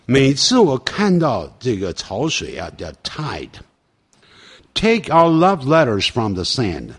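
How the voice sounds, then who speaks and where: A middle-aged man teaching English through song lyrics, explaining each line and reading the English slowly. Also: medium pitch, breathy edge.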